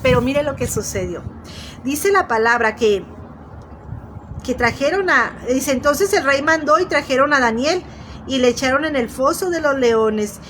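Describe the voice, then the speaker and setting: A woman preaches a sermon in a high voice. She retells the story and speaks straight to her listeners. She often stops and restarts her phrases, and a faint hiss sits under her voice. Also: measured pace, fairly bright tone, rough recording. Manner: storytelling, addresses listeners directly, frequent restarts.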